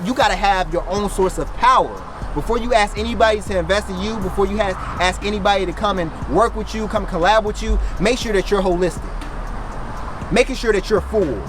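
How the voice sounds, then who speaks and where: A man's voice: high-pitched, noisy background. An American man giving an emphatic, preacher-like motivational speech, repeating phrases and asking rhetorical questions. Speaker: motivational content creator.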